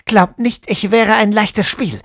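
A man shouting as a defiant wiry woman. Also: sits high, steady tone, takes it slowly, no echo, studio quality, voice pushed up, heavily acted. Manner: loud, hissing, demanding. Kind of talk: audiobook narration.

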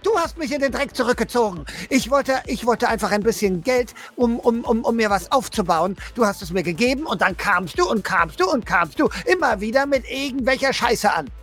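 A man's voice: very high voice, expressive, brisk, hardly any pauses, fairly bright tone, soft background music, heavily acted. An actor playing a young father who stammers and pleads heatedly, defending the respectable life he has built.

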